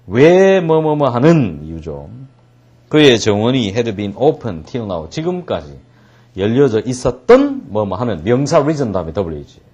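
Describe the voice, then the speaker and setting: Husky-voiced male English teacher, joking. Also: medium pitch, a little mellow, highs cut off. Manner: joking, storytelling, mixes translation with jokes. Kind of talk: lecture on English reading.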